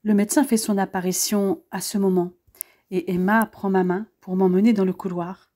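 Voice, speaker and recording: A woman reading a romance novel aloud in first person, calm and intimate. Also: mid-range voice, moderate pace. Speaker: audiobook reader.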